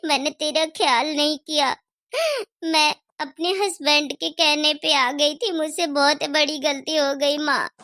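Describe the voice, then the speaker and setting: A high, tearful young daughter in a homemade cartoon story, as a woman acts her out. She speaks slowly and pleadingly with a dry, close sound. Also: fairly even intonation, pushed and bright, no echo, exaggerated voice. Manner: sobbing, slow and pleading.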